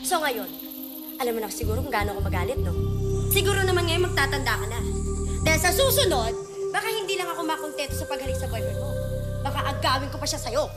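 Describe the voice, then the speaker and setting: Brash Filipino TV soap rival, high voice with swooping delivery, vengeful and taunting. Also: female voice. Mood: taunting, furious. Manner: taunting, combative. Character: brash, confrontational young female celebrity rival, vengeful. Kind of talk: Filipino TV melodrama acting.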